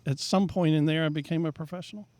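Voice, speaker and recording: A man's voice: fairly high pitch, steady tone, fast, darkish tone, dry recording. A middle-aged man, a painter and professor, explaining his work thoughtfully in a casual interview, with frequent fillers.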